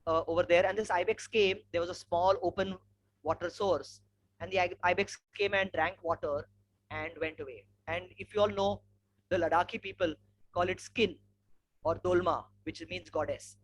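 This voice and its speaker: A man's voice: high-pitched, steady tone, normal speed, no room sound. A man with an educated, posh Indian English accent gives an informal slide presentation, telling anecdotes in a discursive, conversational way. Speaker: webinar speaker, environmental educator and trek leader. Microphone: online webinar microphone. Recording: clearly noisy webinar audio with hum.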